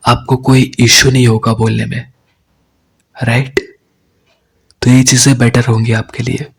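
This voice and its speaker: Speaking in a husky, medium-pitched voice with vocal fry and flat delivery, a young Indian-accented man teaches spoken English. He explains deliberately, blending Hindi with English, and keeps checking in with "right?".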